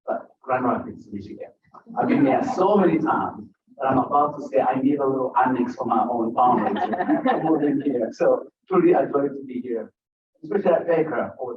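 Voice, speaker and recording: With a medium-pitched voice, a Ugandan man whose first language isn't English chats with a bookstore crowd and cracks jokes between stories at his author event. The recording is roomy, distant and dull, with slight background noise.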